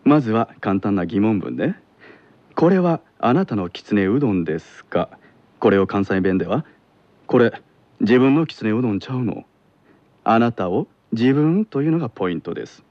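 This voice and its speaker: A man playing a calm teenage boy who teaches Kansai dialect in a radio skit, speaking with a Kansai accent in a patient, measured way. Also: fairly low pitch, no room sound, highs cut off. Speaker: lesson host in a radio skit.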